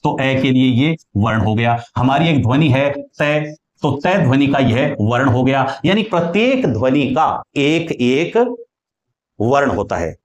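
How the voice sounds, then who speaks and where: A man's voice: medium pitch, lively intonation, measured pace, reverberant, dull audio. A man teaching Hindi grammar in a lecture style, explaining patiently, repeating key points and drawing out sounds as examples while writing on a board.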